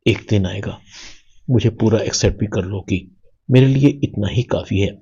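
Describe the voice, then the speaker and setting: A man reading the lines of a happy, devoted young husband with eager, playful delivery and a husky voice. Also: lowish voice, mellow, lo-fi sound, exaggerated voice.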